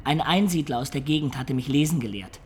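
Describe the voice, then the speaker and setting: Slightly rough and on the high side, this actor's voice moves fairly quickly as he plays an imaginative man born a peasant. It's a German radio play, and he recounts his life in reflective, expressive storytelling.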